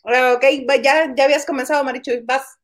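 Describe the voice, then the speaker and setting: A woman co-hosting a live chat show, cutting in with quick jokes and reading viewer greetings. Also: sits high, fairly even intonation. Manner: quick, joking interjections. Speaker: co-host. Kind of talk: casual chat.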